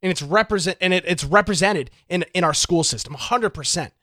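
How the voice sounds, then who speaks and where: A man's voice: high-pitched, brisk, bright, forceful tone, no echo, studio quality. A man hosting a political talk show, delivering opinionated commentary with many rhetorical questions.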